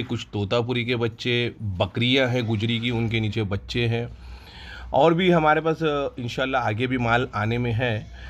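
A man who owns a goat farm walks viewers through his new stock in an unhurried, casual way with many hesitations, recorded on a handheld phone outdoors in the farm yard. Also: medium pitch. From India. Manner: relaxed, unhurried, with frequent hesitations. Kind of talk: casual promotional farm tour.

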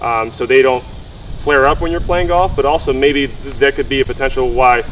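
A man's voice: mid-range voice, steady tone, fairly quick. A man in his thirties, a physical therapist, explaining and asking questions in an instructional way. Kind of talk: explanatory instructional talk and interviewing. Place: mostly outdoors on a golf course. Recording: distant mic with faint background noise.

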